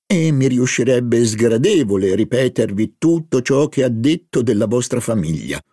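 A man's voice: medium pitch, very animated, moderate pace, warm tone, no echo, clean studio sound, voice pushed up. A man reading an audiobook, voicing a scheming older society hostess with a coaxing, theatrical manner. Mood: indignant.

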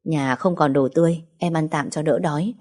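A woman reading the lines of a gentle, quiet young husband in a story, soft and caring. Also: low voice, steady tone, brisk.

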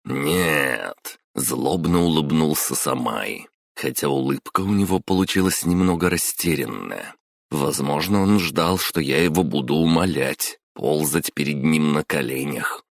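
A man reads a first-person novel in a steady, dramatic storytelling manner. His voice sits extremely low with a gravelly rasp. The sound is dry and close, with no room echo. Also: normal speed. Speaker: audiobook narrator. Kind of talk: first-person audiobook narration.

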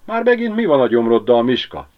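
A man's voice: medium pitch, very animated, dull audio, voice pushed up, lightly acted. Man voicing a fierce eager farm dog.

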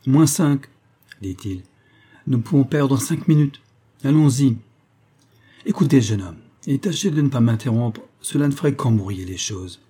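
A man voicing an eccentric, scornful lanky male detective who talks in a brisk, mocking, commanding way. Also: mid-range voice, animated, dark tone, husky.

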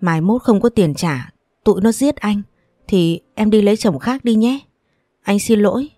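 A woman's voice: mid-range voice, expressive, normal speed, warm tone, no room sound, clean studio sound, lightly acted. A woman voicing a whining, cowardly older brother. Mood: pleading. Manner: pleading, whining. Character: irresponsible pleading older brother, loud but cowardly.

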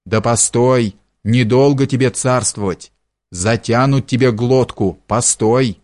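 A man reading an audiobook, voicing a poor peasant man who pleads slowly and then curses in fury. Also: mid-range voice, a little mellow, lightly acted. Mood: furious.

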